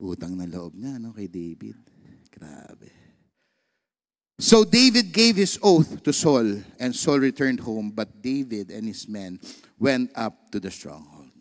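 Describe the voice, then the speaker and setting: A man's voice: mid-range voice, takes it slowly. A male pastor with a Filipino accent, preaching a sermon and telling a personal story, mixing Tagalog and English. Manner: animated storytelling, switching between Tagalog and English.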